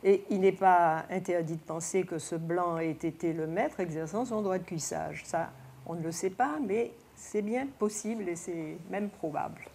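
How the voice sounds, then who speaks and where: A woman's voice: fairly low pitch, moderate pace, vocal fry, dark tone, a little hiss or hum. A woman giving careful, explanatory commentary in an interview.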